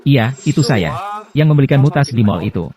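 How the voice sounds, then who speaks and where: A man's voice: medium pitch, expressive, a little fast, a crowd in the background. A man reading every role of a dubbed drama, switching between the parts as the lines go. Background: drama score music.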